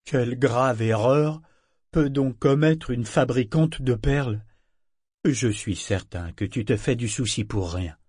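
A man voicing a brooding, wary male figurehead of a living ship in an audiobook, raised in pitch and speaking with tense, evasive replies. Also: unhurried, a little mellow, breathy edge, dry recording, clean studio sound.

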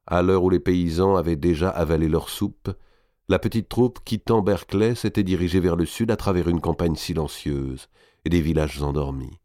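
A man reading a historical novel aloud in a measured, even storytelling manner. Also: low-pitched, dry recording, studio quality. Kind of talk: audiobook narration.

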